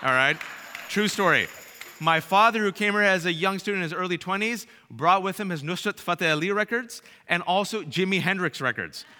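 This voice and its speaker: Animated joking man in an echoing hall. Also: high voice, brisk, slight background noise. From Bay Area, California. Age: 30s. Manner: animated, joking with the audience, shouting punchlines. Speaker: speaker. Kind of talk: comic storytelling talk. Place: large hall with live audience. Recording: reverberant hall.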